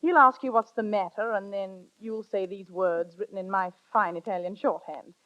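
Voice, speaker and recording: An actress playing a worldly sister who coaxes with conspiratorial glee, in vintage radio drama style, on a dull old broadcast recording. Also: female voice, medium pitch, steady tone, moderate pace, natural voice. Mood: coaxing. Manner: coaxing, playfully conspiratorial. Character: worldly older sister, scheming matchmaker. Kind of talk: 1930s radio drama acting.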